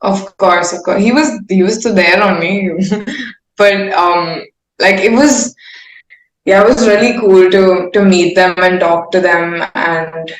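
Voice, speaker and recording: Slightly slow and steady in tone, this woman's voice is on the low side and carries an Indian accent. As a singer-songwriter giving an interview, she chats informally and candidly, rambling with self-awareness, in an echoey room.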